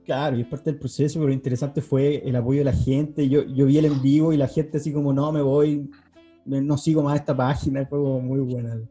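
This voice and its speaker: A man's voice: mid-range voice, level tone, a little fast, dark tone, soft background music. A man interviewing a guest, asking questions and giving short affirming replies.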